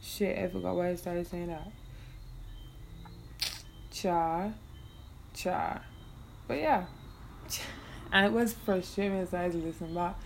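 Young Bajan woman, podcast host, low gravelly voice, loose and profane with easy laughs, faint room noise behind. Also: a little mellow. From Barbados. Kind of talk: casual solo podcast chat.

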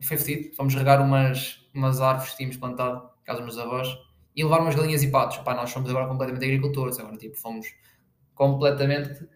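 A man's voice: mid-range voice, steady tone, fast talker, echoey room. A young man with a European Portuguese accent, hosting a casual solo podcast in a rambling, slangy way, full of fillers. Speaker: podcast host.

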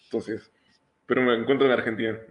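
A man in his twenties from Honduras speaks as a guest over a remote call. His voice has a medium pitch and sounds roomy and echoey. He explains his work in a relaxed, step-by-step way. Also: fast, a little hiss or hum. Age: 20s. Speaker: guest, engineering student. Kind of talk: casual interview answers.

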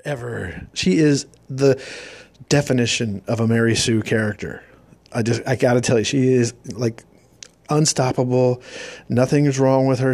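A man's voice: mid-range voice, no echo. A man giving a sarcastic, rambling recap of a movie's plot in a casual, mocking tone. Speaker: movie reviewer.

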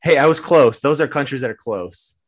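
An easygoing man from the United States takes the quiz on a casual podcast, reacting with short quips. His voice sits at an ordinary pitch and is recorded close and dry. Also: fairly quick, no echo. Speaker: podcast co-host, quiz contestant. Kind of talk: casual chat.

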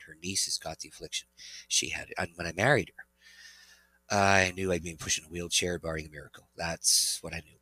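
A middle-aged man, a pastor and interview guest, telling an earnest, animated testimony. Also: sits low, breathy edge, poor audio. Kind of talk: interview storytelling.

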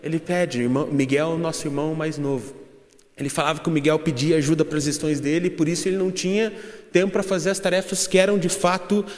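A man's voice: a little high, steady tone, quick pace, darkish tone, roomy sound, big-room sound. A young Brazilian man giving a humorous church testimony, telling a story and addressing the congregation as brothers. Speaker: church speaker.

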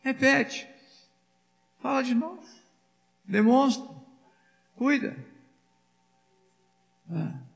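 A man's voice: very high-pitched, very slow, creaky, long pauses, long reverb tail, faint music behind. A man preaching as a pastor, asking the congregation rhetorical questions and acting out little dialogues. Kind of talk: sermon.

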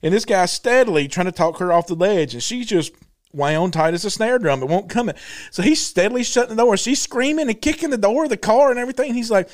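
Man, podcast co-host, casual storytelling, high voice, very lively pitch. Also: fast. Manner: animated, laughing storyteller.

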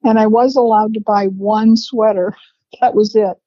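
A woman's voice: mid-range voice, fairly even intonation, dark tone, dry recording. Woman, 70s, reminiscing, rambling storyteller, dry room, muffled lo-fi sound. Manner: unhurried, rambling storyteller who laughs between memories. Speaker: interviewee, family matriarch. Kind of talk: reminiscing conversation. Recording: dry, slightly dull lo-fi sound.

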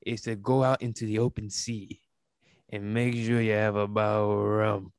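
A man's voice: on the low side, flat delivery, normal speed, smooth, no room sound, studio quality, lightly acted. A man voicing a swaggering, drunken male pirate captain with a theatrical, slurred drawl, over a video call. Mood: mock-preachy.

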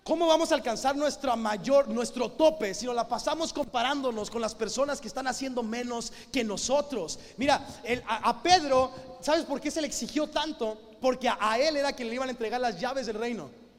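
A man's voice: very high voice, normal speed. A man preaching a sermon in a church, emphatic and full of rhetorical questions. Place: church hall with a live band. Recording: long hall reverb.

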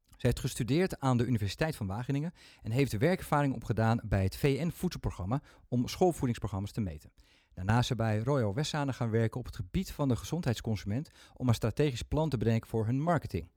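A man's voice: mid-range voice, expressive, a little fast, a little mellow, no echo, studio quality. A man hosting a podcast, talking chattily with self-mocking humor into a microphone. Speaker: podcast host. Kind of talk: casual podcast talk.

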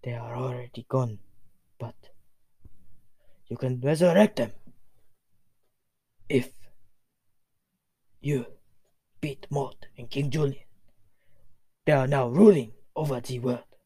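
A man voicing Death, speaking quietly and in a measured way. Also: medium pitch, breathy edge, dry recording. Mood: grave. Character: calm, grave male Death figure.

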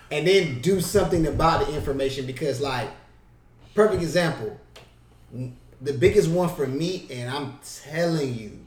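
Brief: higher-pitched male podcast co-host, lively, slangy, basketball coach, recorded roomy and a bit off-mic. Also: far from the mic. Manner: animated, playful, slangy, acts out bench banter. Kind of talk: casual podcast chat.

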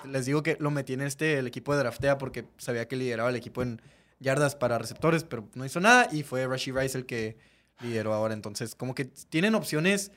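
A man's voice: mid-range voice, fast talker, a bit bright. A man with a Mexican accent giving casual, blunt sports analysis as a panelist, using slang.

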